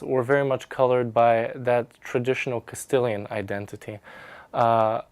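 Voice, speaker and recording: A young Bulgarian man, a research scholar and graduate student, delivers a prepared personal testimonial to camera in articulate, formal academic language. His medium-pitched voice is smooth and a little mellow, in a dry recording.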